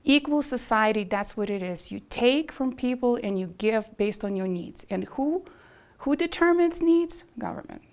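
A woman's voice: a little high, lively intonation, moderate pace, darkish tone. A woman from Lithuania, giving insistent interview testimony and repeating herself for emphasis.

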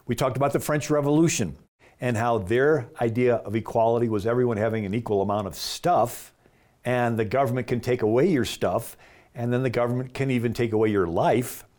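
Male host narrator, mid pitch, earnest explainer. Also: brisk, a little mellow.

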